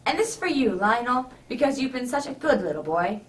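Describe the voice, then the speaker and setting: A distant-sounding woman acting as a kindly gentleman doctor playing Santa in a radio play. The voice is high and hearty, swinging freely through bluff, old-fashioned exclamations. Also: very animated, a little fast, slight background noise. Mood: kindly, puzzled. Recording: distant microphone.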